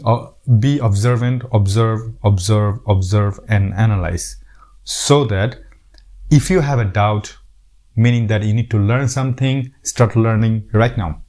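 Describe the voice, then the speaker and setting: A middle-aged Bangladeshi YouTube host speaks to camera with a Bangladeshi accent, offering earnest, casual advice and often repeating words and restarting sentences. His voice is fairly low and mellow.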